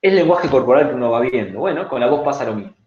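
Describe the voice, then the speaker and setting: A man's voice: medium pitch, expressive, fast talker, background noise. A man with an Argentine accent giving a virtual class on public speaking, conversational and often checking in with "¿sí?". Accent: Rioplatense Spanish. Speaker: lecturer. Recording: roomy, dull online-class audio.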